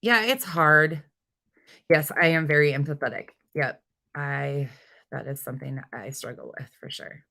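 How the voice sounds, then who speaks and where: This woman hosts a livestream, chatting casually and jumping informally from one viewer reply to the next as she reads and answers comments. Her voice is low and gravelly with a sharp tone, and she keeps a measured pace.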